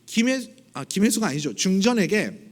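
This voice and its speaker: A man's voice: high voice, very animated, normal speed. A male pastor giving a sermon in a conversational storytelling manner, joking with the congregation and acting out scenes. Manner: conversational storytelling, acts out voices. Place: church sanctuary.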